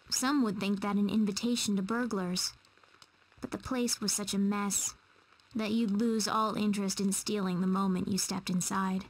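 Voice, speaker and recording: A woman reading a story narration in a measured, storytelling voice. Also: mid-range voice, lightly acted, rough recording.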